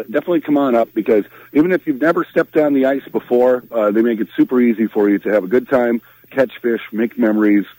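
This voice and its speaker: A man's voice: medium pitch, dark tone, no echo, rough recording. A man with a Minnesota accent, chatting casually on the radio from a fishing trip, easygoing and full of fillers. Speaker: radio host on remote from ice fishing trip. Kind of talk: casual radio phone-in chat.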